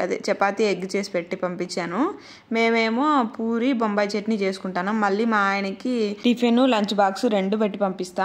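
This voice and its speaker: In a casual narrated vlog voice-over, a Rayalaseema Telugu–accented vlogger and mother from Andhra Pradesh, in her thirties, describes her family's day warmly and simply. She speaks at an ordinary middle pitch in a relaxed, chatty way.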